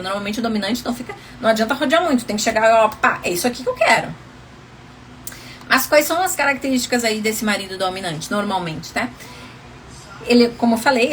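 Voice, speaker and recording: A woman's voice: on the high side, slight background noise. A woman relationship coach giving casual advice on a livestream, chatty and often laughing, calling viewers endearing names.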